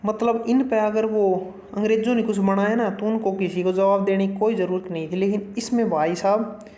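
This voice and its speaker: Folksy teacher in an echoey room. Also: male voice, high-pitched, steady tone, moderate pace, mellow. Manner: folksy, chatty, calls the viewer brother; mixes Hindi with English terms. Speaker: exam-prep teacher. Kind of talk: casual exam-prep lesson. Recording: roomy echo.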